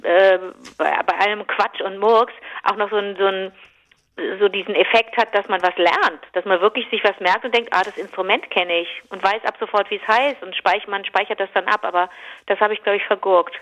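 A woman co-hosts a podcast in a loose, casual chat. She reacts quickly and chats freely, her voice sitting at a medium pitch. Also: fairly even intonation, fairly bright tone, low-quality recording. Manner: chatty, quick reactions, hums a melody. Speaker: podcast co-host.

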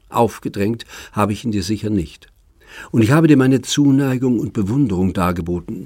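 A lovesick older gentleman, earnest and pleading, at times sinking to a half-whisper, as a male audiobook reader voices him. The voice sits low and slightly husky, and the recording is dry and close. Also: dry recording, heavily acted. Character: older wealthy man, lovesick and brooding.

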